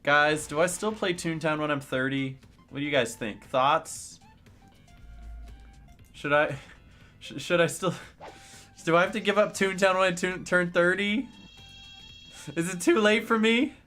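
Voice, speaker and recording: A man's voice: high voice, a little slow, long pauses, pushed and bright. A man in his late twenties talks casually while streaming a game, answering chat. He goes off on sarcastic rants, then cracks jokes. Faint music plays underneath. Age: late 20s.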